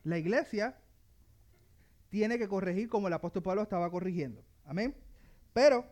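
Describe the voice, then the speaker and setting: A man preaching a sermon to his congregation, talking in a halting way with many fillers and restarts. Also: high-pitched, lively intonation, a little mellow.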